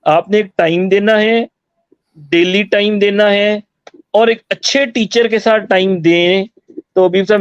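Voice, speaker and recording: High-voiced man explaining exam tips. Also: clean tone, no room sound, highs cut off. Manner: explanatory, mixes Hindi-Urdu with English phrases. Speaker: IELTS teacher. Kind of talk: online interview answers.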